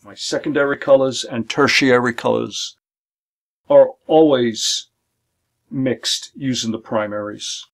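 Man, middle-aged, art instructor, gravelly voice, mid pitch, calm methodical listing. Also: slow pace. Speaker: watercolor painting instructor. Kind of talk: instructional demonstration. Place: home art studio, indoors.

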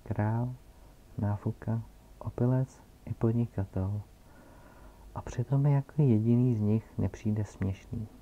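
A man reading a gentle curious little prince. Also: lowish voice, fairly even intonation, long pauses, lightly acted. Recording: dull lo-fi recording.

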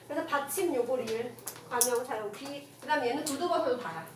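A woman teaching a classroom grammar lecture, firing quick rhetorical questions at her students and mixing casual with polite speech. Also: sits high. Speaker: Korean language teacher. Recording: echoey room from far off, noisy.

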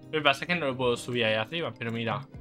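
A young man giving playful, cheeky let's play commentary, swearing freely and bursting into excited shouts. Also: medium pitch, racing, soft background music. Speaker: gaming YouTuber.

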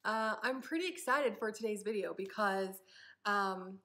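A woman's voice: medium pitch, measured pace, bright, forceful tone. A young woman chatting casually in a try-on haul vlog, upbeat and rambling with frequent ums. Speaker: vlogger.

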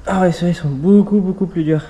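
A man's voice: high voice, fast talker, noisy background. A man casually explaining a car repair to his viewers, chatty and full of fillers, talking outdoors while it rains. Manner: chatty, filler-heavy, addresses viewers directly. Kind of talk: casual how-to vlog talk.

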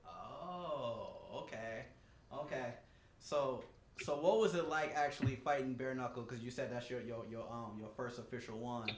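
A man's voice: medium pitch, normal speed. A man in his forties hosting a casual podcast interview from a small home studio, upbeat and chatty, repeating himself with lots of fillers. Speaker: podcast host. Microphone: desk mic on a stand. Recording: echoey room with clear background noise.

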